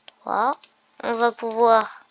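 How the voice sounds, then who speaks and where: Over background game music, a woman with a rather high voice comments casually on a gaming video, testing things and thinking aloud with fillers. Her delivery is flat and slow, and the audio sounds dull.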